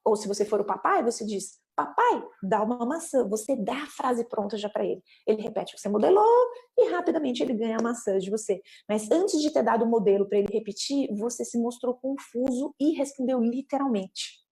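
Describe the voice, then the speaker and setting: Animated woman explaining to parents. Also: brisk. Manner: animated, acts out parent and child lines with big pitch jumps. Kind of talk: educational explainer talk.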